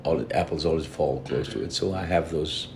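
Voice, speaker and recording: Very deep-voiced man. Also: a little fast, noisy background. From Fiji. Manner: earnest, reflective, steady storytelling. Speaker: guest, lead singer of a reggae band. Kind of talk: casual interview conversation.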